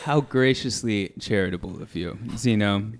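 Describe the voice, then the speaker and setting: A man's voice: on the low side, normal speed, close to an everyday voice. Man doing a smug, haughty young nobleman. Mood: condescending. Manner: smug and condescending.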